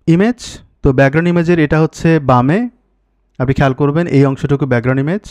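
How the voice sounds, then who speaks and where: A man's voice: a little high, darkish tone, no room sound. A man teaching a coding tutorial over a screen recording, thinking aloud, mixing in English technical terms and fixing errors as he goes. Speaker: coding instructor.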